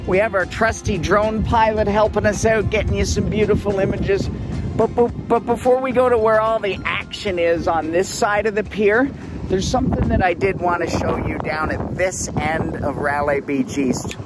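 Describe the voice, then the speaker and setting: A travel vlogger in his forties gives an upbeat, chatty walking tour of a tropical beach, filming outdoors on a selfie camera held at arm's length and repeating words as he goes. His voice is high-pitched and steady at a moderate pace. Loud music plays behind him, and the audio is poor.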